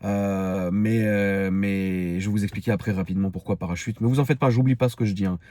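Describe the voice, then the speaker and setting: Speaking briskly in a low-ish, warm voice with fairly even intonation, this thirty-something video creator from Paris tells his followers personal stories. His Parisian French accent colors frank, slangy rambling, and there's no echo.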